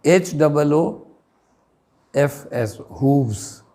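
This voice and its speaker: A male English teacher with an Indian accent takes a pronunciation class. His voice sits a little high, and he speaks very slowly. He pauses after each word and spells words out letter by letter. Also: a little mellow.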